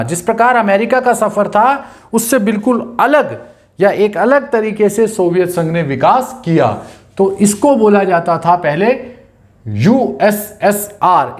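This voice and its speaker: A teacher giving an exam-prep lecture to students, asking rhetorical questions, answering them, and repeating key points to memorize. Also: medium pitch.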